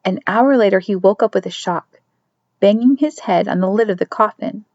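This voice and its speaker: A woman narrating a chapter of a novel in a steady storytelling manner, dropping to soft whispers for a character's thoughts. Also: medium pitch, moderate pace, no room sound. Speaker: audiobook reader. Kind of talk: scripted narration. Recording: dry, dull lo-fi recording.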